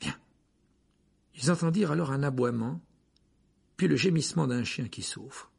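A man reading a fantasy novel aloud as audiobook narrator, telling it dramatically with hushed passages. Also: mid-range voice, a little fast. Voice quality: husky, gravelly. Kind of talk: scripted narration.

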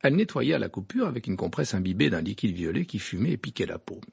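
A man reading a novel aloud as narrator, expressive and storytelling. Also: fairly low pitch, fast. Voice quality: gravelly, raspy. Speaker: audiobook narrator.

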